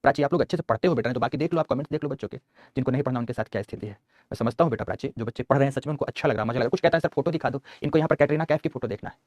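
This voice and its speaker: A man teaches geography in an online class, racing through dictated notes while coaxing and scolding students he calls "beta." His mid-range voice is darkish in tone, recorded dry.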